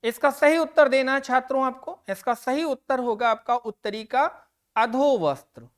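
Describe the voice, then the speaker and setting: A woman with a high-sitting voice teaches grammar for an upcoming exam. She keeps a slow, deliberate pace, saying each answer word again and giving it emphasis for her class.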